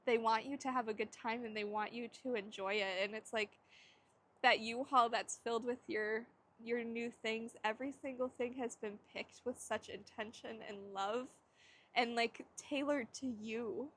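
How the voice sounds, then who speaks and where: A woman's voice: a little high, fairly even intonation, moderate pace, fairly bright tone. Chatty woman giving a rambling tarot reading. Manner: rambling, searching for words, laughing often. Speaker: tarot reader. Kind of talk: casual intuitive tarot reading.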